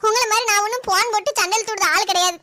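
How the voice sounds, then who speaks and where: Woman doing young cartoon daughter-in-law, indignant, talks back, bright, fast. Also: very high voice.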